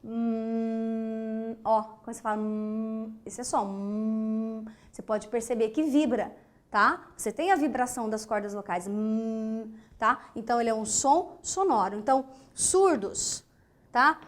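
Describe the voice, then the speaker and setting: A woman's voice: on the high side, lively intonation, normal speed. A woman from Brazil teaching an online grammar lesson, explaining step by step, asking rhetorical questions and checking understanding with short tags, and voicing the speech sounds aloud as examples.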